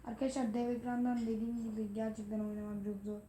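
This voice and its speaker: A woman hosting a gaming video, commenting excitedly as she plays and talking to the game. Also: on the high side, quick pace, slight background noise. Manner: excitable, talks to the game, frequent exclamations. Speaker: gaming channel host. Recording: roomy echo.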